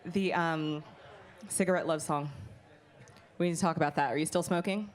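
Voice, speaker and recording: A woman hosting a live studio interview, breezy and playful with quick quips. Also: sits low, steady tone. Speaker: host.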